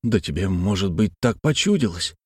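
A man doing an anxious questioning gentleman. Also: sits low, lively intonation, normal speed, husky, no echo, clean studio sound.

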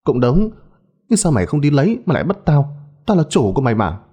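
A man's voice: mid-range voice, big pitch swings, fast talker, dark tone, breathy edge, muffled recording, voice pushed up. A man voicing a cruel, greedy old woman who screeches and scolds her servant. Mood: grumbling.

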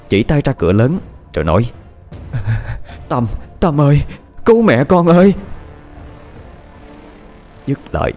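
Male narrator, Southern Vietnamese accent, low voice with lively swings, dramatic horror storytelling, faint music under. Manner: expressive, dramatic.

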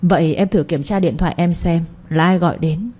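A woman's voice: on the low side, brisk, mellow, lightly acted. A woman voicing a young husband who speaks firmly and in a reasoning tone. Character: young husband, stern yet soft-hearted.

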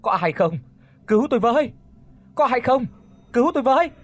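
A man's voice: extremely high pitch, lively intonation, a little fast, big-room sound, pitched above the performer's own voice. A man voicing the pleading ghost of a young woman in a storybook horror tale, crying out for help. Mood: desperate. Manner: desperate cries for help.

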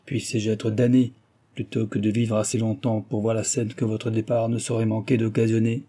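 A man voicing a bitter, agitated ruined gentleman. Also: lowish voice, flat delivery, moderate pace, lightly acted. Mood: bitter vehement. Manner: vehement, raised and bitter. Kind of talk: audiobook character reading.

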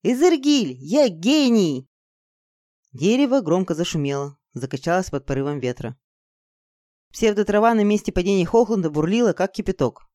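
A woman reading an audiobook aloud in an expressive, measured storytelling manner. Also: fairly low pitch, no room sound, clean studio sound. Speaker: audiobook narrator. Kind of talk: scripted narration.

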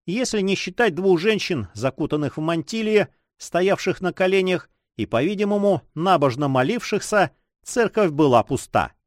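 A man narrating an adventure novel aloud with expressive storytelling. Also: high voice, moderate pace, no room sound, studio quality. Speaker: audiobook reader. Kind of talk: scripted narration.

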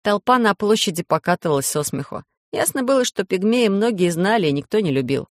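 A man narrating an audiobook in steady storytelling, acting out the voices. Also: sits high, brisk, dry recording, studio quality. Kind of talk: scripted narration.

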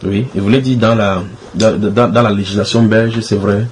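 A Bible teacher leads a casual study in a house church room full of people, teasing and coaxing listeners with questions. His voice is fairly low and steady at a normal speed, with a slight hiss or hum on the recording.

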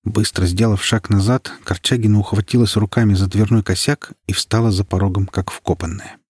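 A man narrating an audiobook in a measured, ominous storytelling manner. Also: on the low side, fairly even intonation, darkish tone, husky, dry recording, studio quality.

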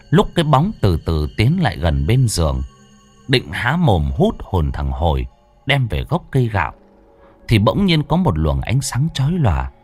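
A man narrating a scripted ghost story with dramatic, drawn-out slowdowns. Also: on the low side, a little mellow, husky.

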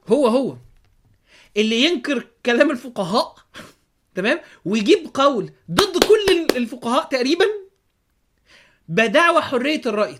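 A man with an Egyptian Arabic accent hosting a podcast, giving a religious commentary monologue full of sarcastic rhetorical questions. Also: extremely high pitch. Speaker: podcast host.

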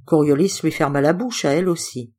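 A woman reading a classic novel aloud as an audiobook narrator, measured and expressive. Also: low-pitched, breathy edge. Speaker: audiobook reader. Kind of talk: literary narration.

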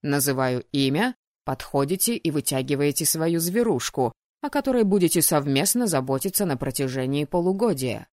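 A woman reading an audiobook voices a stern male academy dean who gives curt, sharp reprimands. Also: deep voice, lively intonation, normal speed, no echo, clean studio sound, pitched below the performer's own voice.

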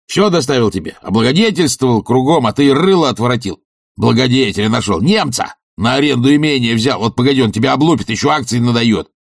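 A male reader voicing a coarse, blustering middle-aged sponger who shouts insults and self-pitying rants in a husky voice. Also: mid-range voice, lively intonation, fast, no echo, studio quality, pitched above the performer's own voice. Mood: scornful, ranting.

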